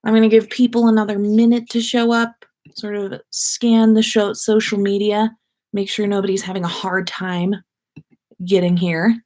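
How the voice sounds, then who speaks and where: A woman's voice: medium pitch, little pitch movement, normal speed, a little mellow. A woman hosting a livestream from her bedroom, chatting eagerly and restarting her sentences. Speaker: podcast host. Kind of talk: casual livestream chat.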